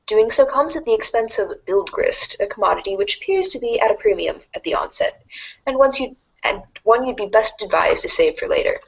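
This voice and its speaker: A woman plays a wry, erudite teenage girl reading a game guide aloud as scripted read-along storybook narration. The delivery is formal, precise, and dryly instructive with a measured mood, yet her slightly high, gravelly, husky voice is very animated, a bit fast, and heavily acted. The audio quality is poor.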